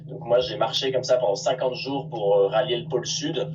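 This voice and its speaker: Man, crew member, halting casual talk; distant dull call sound. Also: mid-range voice, noisy background. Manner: hesitant, repeats words.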